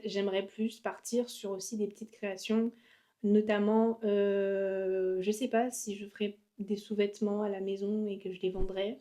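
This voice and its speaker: A young woman chats to her camera in a relaxed vlog. Her voice sits in an ordinary middle pitch for a woman. She rambles cheerfully, trailing off and restarting with easy, upbeat energy. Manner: chatty and upbeat, many fillers, laughs at herself. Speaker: vlogger and graphic designer. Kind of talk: casual vlog chat.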